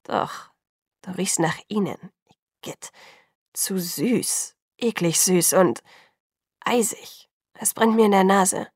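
A woman voicing a calm, guarded teenage boy who speaks in a cool, even tone. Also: medium pitch, slow pace, long pauses, breathy edge, no room sound, studio quality. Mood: coaxing. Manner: cool, quiet, even-toned.

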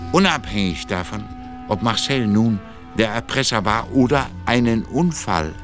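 A man narrating a radio drama in a measured, suspenseful way. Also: on the low side. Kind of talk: scripted audio drama narration. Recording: narration over loud music bed.

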